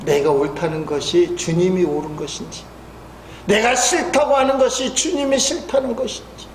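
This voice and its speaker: Pastor guy in his 50s preaching, soft asides then loud emphatic bits, roomy echo. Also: fairly high pitch, vocal fry, a little hiss or hum. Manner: storytelling, swings between soft asides and loud emphatic peaks. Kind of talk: sermon. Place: church sanctuary. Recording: echoey church hall.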